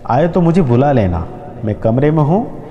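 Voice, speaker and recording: A man's voice: medium pitch, very animated, normal speed, in a large hall, muffled recording, close to an everyday voice. A man voicing a disrespectful grown son who speaks rudely and demands his food. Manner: rude, demanding.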